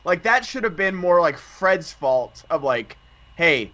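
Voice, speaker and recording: A man's voice: sits high, animated, measured pace, a bit bright, muffled recording. A young man co-hosting a casual film podcast, chatty, wondering aloud and acting out quotes. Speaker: podcast co-host. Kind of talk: casual movie chat.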